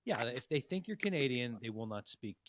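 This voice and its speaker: A man's voice: medium pitch, sing-song, brisk, fairly bright tone, no echo. A man hosting a podcast in casual banter, rambling with restarts and crude jokes. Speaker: podcast host.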